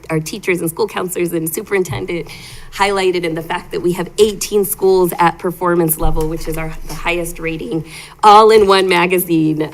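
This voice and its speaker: School board lady, low-ish voice, upbeat and proud, lots of ums. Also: poor audio. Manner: upbeat, proud, chatty with fillers. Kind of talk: board meeting remarks.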